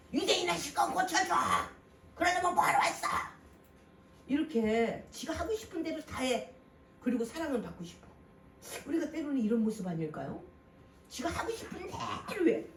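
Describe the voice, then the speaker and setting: A pastor delivering a Sunday sermon with lively swings between loud and soft, posing rhetorical questions to the congregation. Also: mid-range voice, slight background noise. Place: church sanctuary. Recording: roomy hall from a distant mic, faint ambience.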